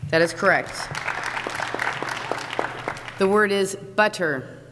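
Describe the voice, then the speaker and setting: A woman acting as a spelling bee pronouncer, reading each word in a formal, precise, even manner, in a large school hall. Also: mid-range voice. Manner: measured, even, precise diction. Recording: echoey hall, loud crowd noise.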